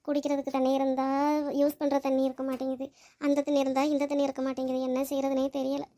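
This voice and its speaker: A tender, anxious young woman in a cartoon, fretting aloud over a crying baby, played by a woman. The voice sits very high and barely rises or falls, so the worry comes out in an even, pleading tone. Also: quick pace, natural voice. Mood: earnest. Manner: fretful, pleading, talks to herself. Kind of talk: cartoon voice acting.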